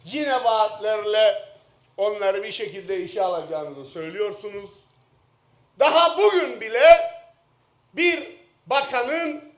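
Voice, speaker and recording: Cypriot guy at a lectern mic in parliament, high voice, echoey chamber, gets fired up and shouts. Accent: Turkish Cypriot. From Northern Cyprus. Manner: speaking at a lectern microphone in the chamber; impassioned, swings from low jabs to shouted outbursts. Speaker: member of parliament. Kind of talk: parliamentary floor speech. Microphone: lectern microphone. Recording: roomy chamber echo.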